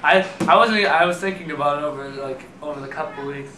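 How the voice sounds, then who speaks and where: Teen guy sidekick, somewhat high voice, hesitant, roomy noisy far-off sound. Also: brisk, sharp tone. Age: teens. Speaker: student co-host. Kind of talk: casual sports chat. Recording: roomy distant mic with clear background noise.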